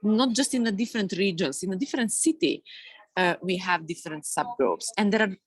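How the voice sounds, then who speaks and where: A woman from Serbia with a Serbian accent, speaking on a webinar panel in a halting way with many fillers and restarts. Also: mid-range voice, husky, no echo. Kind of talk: webinar discussion. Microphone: video call.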